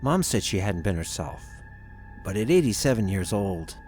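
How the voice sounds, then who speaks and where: A low-pitched man plays a grown grandson haunted by a frightening visit, telling the horror story in first person over background music. His delivery is measured and dramatic with deliberate pauses, a little mellow and sing-song, in a somber, uneasy mood.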